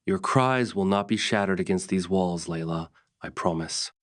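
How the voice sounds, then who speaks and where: A man voicing a brave undercover woman posing as a prison inmate in a narrated story, speaking softly but steadily. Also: sits low, moderate pace, no echo, studio quality, lightly acted. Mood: fearful, firm. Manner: soft, steady.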